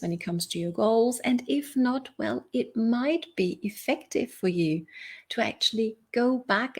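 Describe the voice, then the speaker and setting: This woman, a German-native motivational coach and video host, speaks with a mid-range voice. Her talk is conversational, and she seeks agreement through rhetorical questions.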